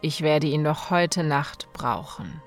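A woman's voice: sits low, expressive, slow pace, faint music behind, voice pushed down, exaggerated voice. A woman voicing a cruel, murderous husband who speaks in a cold, commanding, wrathful way. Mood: menacing.

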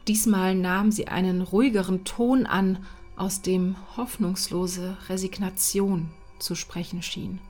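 Female horror narrator, unhurried, hushed and whispering, over soft music. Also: medium pitch, fairly even intonation. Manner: slow, hushed, sinking to whispers. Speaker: reader. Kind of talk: dramatic horror story reading.

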